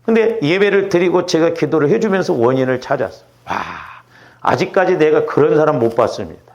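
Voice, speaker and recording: A middle-aged male pastor, his voice fairly high and marked by vocal fry, delivers a sermon in a conversational way and often checks in with the congregation through rhetorical questions. The sound is lo-fi.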